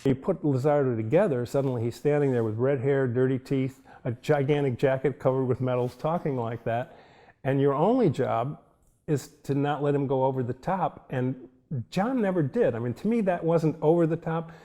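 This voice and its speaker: Older man with a mellow voice recalling his filmmaking. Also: medium pitch, normal speed. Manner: thoughtful, anecdotal, chuckling. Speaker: film director. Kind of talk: reflective interview storytelling.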